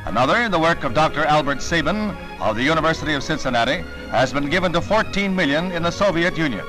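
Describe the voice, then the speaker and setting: Male narrator, old newsreel, brisk and wry, loud music under the voice. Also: a little high, expressive, poor audio. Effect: old newsreel soundtrack.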